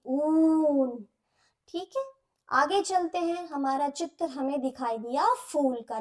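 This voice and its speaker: Woman teacher, high voice, unhurried, sounds out syllables for young kids. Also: a little mellow. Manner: slow, syllable-by-syllable explanations to young children. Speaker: primary school Hindi teacher. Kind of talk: lesson.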